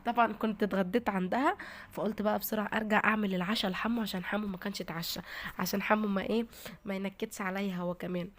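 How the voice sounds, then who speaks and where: A woman's voice: medium pitch, steady tone, rapid-fire. A woman with an Egyptian Arabic accent, chatting casually to her viewers in a daily vlog. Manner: chatty, talks straight to viewers. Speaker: vlogger.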